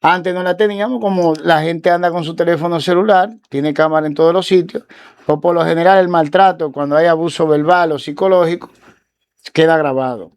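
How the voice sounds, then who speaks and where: A man, a guest lawyer on a talk show, telling a case story in a casual, animated way and acting out the quoted dialogue. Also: a little high, brisk, clear, resonant tone.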